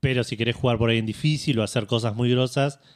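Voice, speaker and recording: Argentine man, fast talker, dry joking asides, casual podcast chat. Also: medium pitch, fairly even intonation. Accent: Argentine Spanish. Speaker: podcast co-host.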